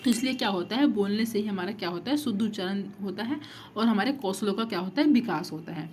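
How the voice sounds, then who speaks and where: A woman's voice: medium pitch, quick pace, darkish tone, slight background noise. A woman teacher giving an exam-prep lecture, repeating points and asking rhetorical questions. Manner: repetitive, rhetorical questions, frequent 'thik hai'.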